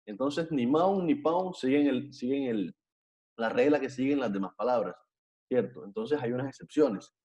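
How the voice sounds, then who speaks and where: A man's voice: medium pitch, expressive, normal speed, warm tone, lo-fi sound. A male teacher giving an online language lesson, explaining patiently, repeating himself and often checking that students follow. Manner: patient, repetitive, checks understanding with frequent tag questions. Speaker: Portuguese teacher.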